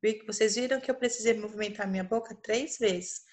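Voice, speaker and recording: A woman's voice: mid-range voice, a little mellow. A young adult woman with a Brazilian accent, teaching a recorded primary school grammar review and explaining patiently, step by step. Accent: Brazilian Portuguese. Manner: patient, explains slowly, checks in with "tá?" often. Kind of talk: recorded online lesson for children.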